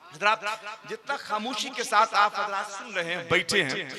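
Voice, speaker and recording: Man, very high voice, stage compere, joking, coaxing the audience, recited couplets, crowd audible behind. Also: normal speed. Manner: jokey, coaxes and teases the crowd into responding. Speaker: compere of a religious poetry gathering. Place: large public gathering before a crowd.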